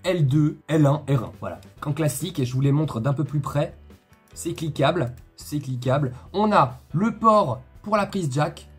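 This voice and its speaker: A man's voice: on the high side, animated, moderate pace, breathy edge, soft background music. A man hosting a casual unboxing video, chatty and joking, often repeating himself and talking straight to his viewers. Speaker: tech video host.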